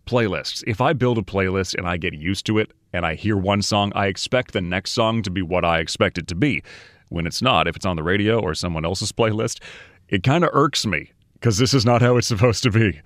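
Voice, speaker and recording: A man's voice: fairly low pitch, fairly quick, fairly bright tone, dry recording. A man hosting a podcast in a casual, conversational way with short punchy phrases, close on a podcast mic. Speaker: podcast host.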